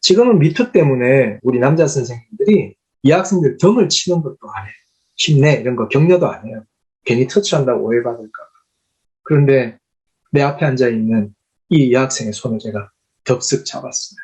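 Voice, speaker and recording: A man's voice: mid-range voice, expressive, brisk, warm tone, low-quality recording. A middle-aged man, a pastor, telling a story in a sermon in an earnest, emphatic way.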